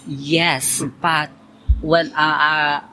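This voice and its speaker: Answering an interviewer in a loose, chatty style packed with "like" and "you know", this Cebu man works as both an accountant and a Zumba instructor. He speaks very slowly in a voice on the high side with little pitch movement, over noisy background hiss.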